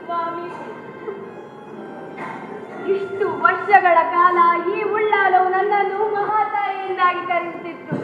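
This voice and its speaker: A woman acting a stately queen in a stage drama, making a solemn formal proclamation. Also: very high-pitched. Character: stately queen honouring a brave widow. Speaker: student stage actor. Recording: echoey hall, tinny phone-like sound, music behind.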